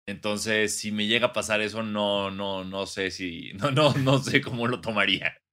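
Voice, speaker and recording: Bright-voiced Mexican guy, playful and stammering. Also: lowish voice, normal speed. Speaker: podcast co-host. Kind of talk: casual comedic chat.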